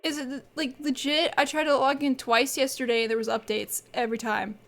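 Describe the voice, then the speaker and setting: A woman streamer, stuffy from a cold and allergies, chats casually with viewers, rambling and breaking into laughter often. Her high-pitched, fairly bright voice moves fairly quickly with fairly even intonation.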